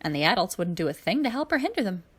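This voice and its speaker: Woman voicing Coran, a lively, chirpy alien gentleman. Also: medium pitch, fast, husky. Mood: amused, nostalgic. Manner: chirpy, rambling, exclamatory. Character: cheerful, chatty, nostalgic older alien man, spaceship crewman.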